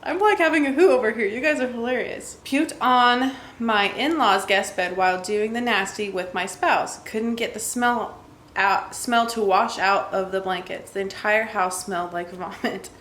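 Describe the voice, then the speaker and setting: A woman's voice: medium pitch, moderate pace, a bit bright, slight background noise. Chatty woman vlogger, echoey room. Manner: chatty, laughs often, many "like" fillers. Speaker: vlogger reading viewer stories. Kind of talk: casual vlog chat, reading aloud.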